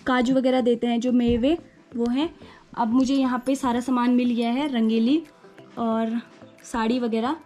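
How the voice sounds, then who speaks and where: A young bride and vlogger from the Uttarakhand hills narrates her wedding photos, chatting in a playful, teasing way. Her voice is fairly high and mellow, with little pitch movement, and she speaks unhurriedly. Faint music plays in the background.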